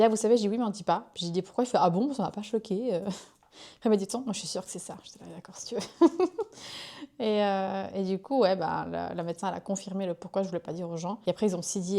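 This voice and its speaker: A woman's voice: medium pitch, dark tone. A young woman, pregnant, chatting casually to her viewers in a rambling, self-interrupting way. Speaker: vlogger. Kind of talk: casual chat to camera.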